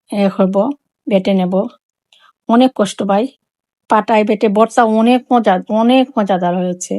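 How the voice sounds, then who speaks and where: A woman's voice: mid-range voice, darkish tone. A woman with a Sylheti Bengali accent, walking viewers through a home cooking demonstration in a chatty, repetitive way. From Sylhet, Bangladesh. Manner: chatty, repeats phrases, explains each step. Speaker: cooking vlogger.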